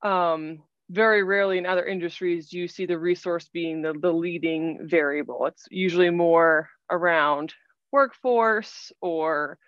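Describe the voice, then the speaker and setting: Woman in her thirties, measured webinar presenter, muffled laptop mic, dry small room. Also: lowish voice, dry recording. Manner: explanatory, measured, with fillers. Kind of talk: online presentation. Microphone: laptop webcam video call. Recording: dull, dry video-call audio.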